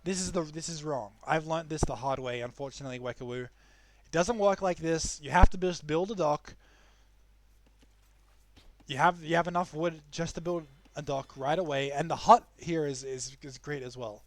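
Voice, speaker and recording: A young New man casts a strategy match live, talking in a chatty, loose way. His voice sits a little high for a man, and he often stumbles and restarts mid-sentence. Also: normal speed. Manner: chatty, frequent restarts and fillers. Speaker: esports caster. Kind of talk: live game commentary.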